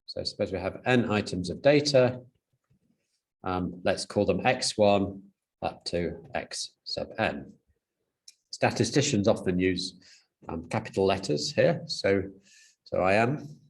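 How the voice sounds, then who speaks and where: A man's voice: deep voice, animated, a little slow, creaky. A man giving a university lecture, explaining step by step, with frequent fillers and restarts.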